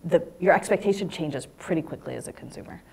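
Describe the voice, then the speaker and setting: A woman's voice: deep voice, quick pace, vocal fry, a little mellow, slightly rough. A woman in her thirties speaking as a panelist in a lecture hall on a lapel mic, thoughtful and gesturing as she explains. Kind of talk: panel discussion.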